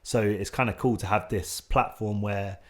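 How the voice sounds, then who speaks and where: A young man hosting a podcast, talking in a reflective, fairly monotone way. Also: on the low side, normal speed. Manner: reflective, calls his own voice monotone. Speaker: podcast host. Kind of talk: casual chat.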